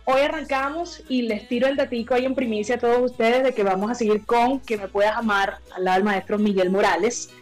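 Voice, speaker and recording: A woman's voice: a little high, steady tone, fairly quick, few pauses, soft background music. A woman with a coastal Colombian accent from Barranquilla, chatting effusively and colloquially as a singer being interviewed. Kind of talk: casual interview chat.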